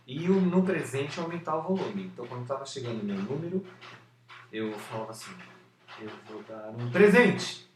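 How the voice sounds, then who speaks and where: A man talking to a camera about overcoming a stutter, slowly, with some repeated syllables and many fillers. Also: mid-range voice. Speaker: former stutterer sharing his method. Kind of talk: unscripted talk to camera. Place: indoor room with an open window and street noise. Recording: roomy, distant camera sound with faint background noise.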